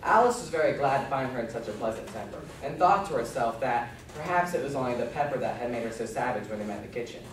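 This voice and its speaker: A man's voice: mid-range voice, lively intonation, fast, few pauses. A man reading scripted storybook narration in a readers theater performance. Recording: echoey room, distant mic, noisy.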